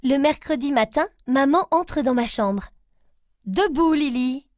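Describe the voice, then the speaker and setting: A woman reading a children's story aloud, slowly and clearly, in a careful reading voice for children. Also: high voice, dry recording, lo-fi sound.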